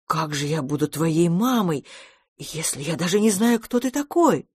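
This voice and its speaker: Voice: medium pitch, lively intonation, moderate pace, husky, no echo, clean studio sound. A reader doing a timid, flustered spy. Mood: bewildered. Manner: gentle, sighing, unsure. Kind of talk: audiobook character reading.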